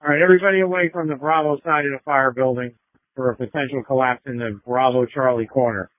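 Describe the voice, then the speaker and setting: A man's voice: mid-range voice, steady tone, fast, no echo. A man working as a fire officer, giving clipped orders in fireground traffic over a two-way radio. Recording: tinny narrow-band fire radio.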